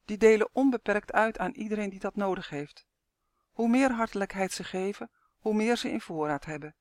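A man reading aloud, voicing a kind, frail old woman of eighty who speaks calmly and soothingly. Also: high voice, normal speed, dry recording, voice pushed up, lightly acted. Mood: firm. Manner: calm, soothing, gently wise.

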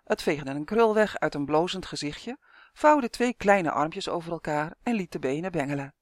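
A woman narrating a children's fantasy story aloud in an even, clear manner. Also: lowish voice, moderate pace, dry recording, clean studio sound.

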